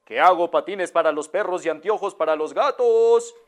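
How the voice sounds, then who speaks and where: A woman's voice: lowish voice, moderate pace, lightly acted. A woman voicing a street knife-grinder man who calls out his trade in a children's story. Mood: hawking. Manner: calling out like a street vendor.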